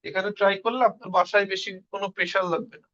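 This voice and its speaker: A man with a fairly high voice leads an online class, explaining step by step. He poses questions to the class and then answers them himself. The audio is dull and lo-fi. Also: fairly even intonation, quick pace, sharp tone. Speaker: Russian language teacher.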